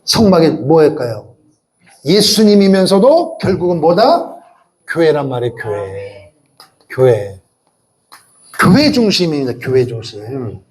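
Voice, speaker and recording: Pastor guy preaching, pretty high voice, swoops up and down a lot, keeps asking the crowd questions. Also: measured pace, pauses often. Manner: animated preaching with rhetorical questions and call-and-response. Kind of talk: sermon.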